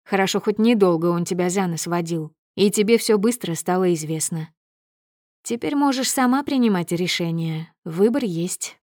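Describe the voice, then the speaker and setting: A gentle, consoling middle-aged mother from an audiobook, voiced by a woman narrator. She speaks a little lower and more hushed than the narrator, in a dry, close recording. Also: normal speed, no room sound, close to an everyday voice.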